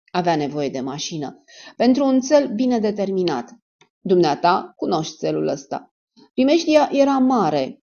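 A woman's voice: fairly low pitch, dark tone. A woman reading the part of a stern male security major who presses a suspect with cold sarcasm, in a dull lo-fi recording.

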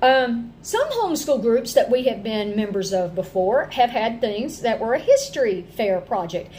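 A middle-aged woman with an Appalachian accent talks casually to the camera. Her voice sits a little high, and her delivery is folksy and animated, like an informal homeschool host chatting from home. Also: normal speed, slight background noise. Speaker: homeschooling parent and vlog host. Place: indoor room at home.

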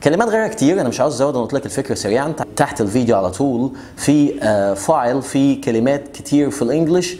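A young man with an Egyptian Arabic accent teaching English pronunciation in a casual video lesson, joking and boastful, slowing right down to spell out example words. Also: mid-range voice, animated, dark tone. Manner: boastful, joking, rapid chatty explanations with slow drawn-out example words.

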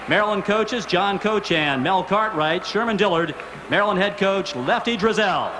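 Echoing stadium announcer, high-pitched man. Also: expressive. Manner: measured announcing, names set apart. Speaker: arena public address announcer. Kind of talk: formal starting-lineup announcement. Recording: noisy arena PA with crowd. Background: loud basketball crowd.

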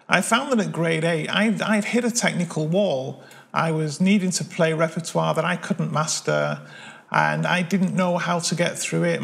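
Talking casually to camera as host of his channel, this Mancunian man in his forties from Manchester, England, tells friendly, self-deprecating stories about playing piano. His voice is fairly high and a bit bright, with some vocal fry. A lapel mic picked him up in his living room.

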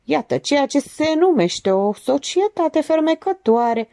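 Woman narrator putting on a smug, theatrical man in an audiobook, mocking drawl, raised pitch, lively swoops. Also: dry recording, studio quality. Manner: sneering, mock-polite, drawling.

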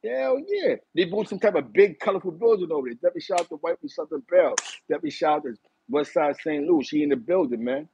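A middle-aged man from East Harlem with a New York accent, telling stories in a casual chat from a small room, animated and talking with his hands. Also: fairly high pitch, quick pace, creaky, breathy edge, no room sound, lo-fi sound. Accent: New York City. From East Harlem, New York City. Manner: animated, gestures a lot while reminiscing. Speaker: host. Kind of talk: casual storytelling to a live chat. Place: small bright room indoors.

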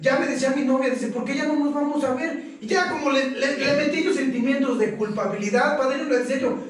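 A man's voice: extremely high pitch, quick pace. A young Mexican man giving a raw, slangy, profane and emotional personal testimony at a recovery meeting. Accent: Mexican Spanish. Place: meeting hall. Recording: echoey room, distant mic.

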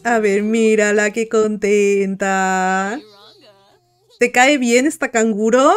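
A woman's voice: medium pitch, steady tone, takes it slowly, clear, resonant tone. A woman giving casual gameplay commentary, cooing and chatting to the game characters. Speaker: gaming video host. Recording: light music behind.

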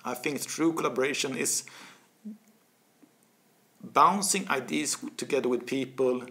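Speaking unhurriedly in a mid-range voice, a forties-aged author with a Swedish accent chats as an interview guest. He's animated and gestures freely, restarting and repeating words while he searches for them. The setting is a small office studio, recorded on a desk mic.

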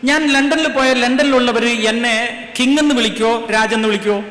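Man preacher, higher voice, pushes the congregation to answer him, reverberant hall. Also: normal speed, a bit bright. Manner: rhetorical questions, urging the crowd to answer aloud. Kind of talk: sermon to a congregation. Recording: echoey hall with faint ambience.

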